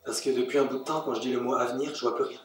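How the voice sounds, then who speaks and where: Actor playing anxious, earnest Simon Labrosse. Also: male voice, mid-range voice, fairly even intonation, very fast, far from the mic, soft background music, close to an everyday voice. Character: Simon Labrosse, anxious, restless jobless man. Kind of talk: stage play acting. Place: theatre stage. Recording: very echoey stage from afar.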